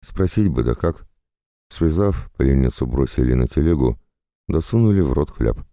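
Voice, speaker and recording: A man's voice: a bass voice, lively intonation, normal speed, creaky, mellow, no echo, studio quality. A man narrating an audiobook with wry, conversational asides.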